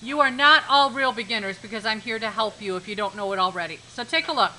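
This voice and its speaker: A woman's voice: fairly high pitch, quick pace, bright, forceful tone, a little hiss or hum, rough recording. A woman art teacher giving a live demonstration lesson in a classroom, instructive, repeating key points and checking that students follow.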